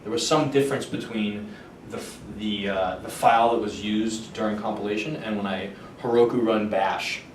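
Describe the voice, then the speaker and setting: Low-voiced man explaining tech, distant and roomy. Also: steady tone. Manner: halting, thinking aloud. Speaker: engineer giving a technical talk and answering questions. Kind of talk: informal technical explanation with questions. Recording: roomy, far microphone, noticeable low rumble.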